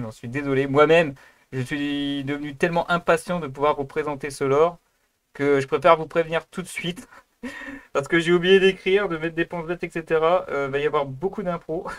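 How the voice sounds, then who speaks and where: A man's voice: mid-range voice, fairly bright tone, no echo. A man hosting his own video channel, giving a casual, improvised introduction. He rambles, apologizes for himself and hesitates often. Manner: rambling and self-deprecating, many hesitations. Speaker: YouTube host.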